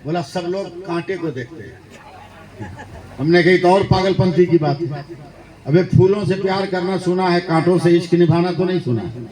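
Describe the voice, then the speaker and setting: Indian-accented male preacher, slightly high voice, tells stories and rouses the crowd to shout back, echoey PA sound. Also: normal speed. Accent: Indian Hindustani. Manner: storytelling with acted dialogue, rising to shouted calls for the crowd to respond. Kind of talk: Islamic religious speech at a conference. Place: large conference gathering. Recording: echoey public address, crowd behind.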